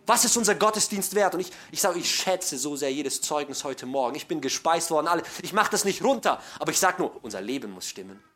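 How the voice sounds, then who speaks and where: A middle-aged male preacher with a high, very animated voice delivering a sermon. He talks to the congregation directly in a folksy, joking way. He drops into hushed asides and then climbs into bright, forceful, emphatic runs. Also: fast talker, few pauses. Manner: swings between hushed asides and loud emphatic build-ups.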